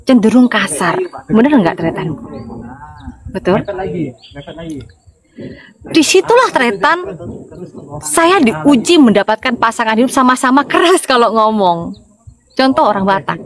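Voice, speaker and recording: A woman's voice: on the high side, measured pace, long pauses, crowd noise, rough recording. A woman from Madura with a Madurese accent, giving an informal, chatty sermon that keeps calling out to her listeners for responses. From Madura, Indonesia. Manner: lively, chatty preaching with call-and-response to listeners. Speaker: evangelist.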